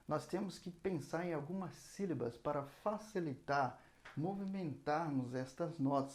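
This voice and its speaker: A man's voice: fairly high pitch, a little mellow. A man teaching a casual saxophone lesson, explaining patiently and singing out rhythm syllables as he goes. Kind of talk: casual spoken music lesson.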